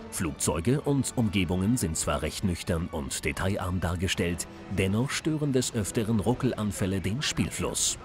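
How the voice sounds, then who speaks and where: A man narrates scripted game reviews. Music plays clearly behind him throughout. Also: fairly low pitch.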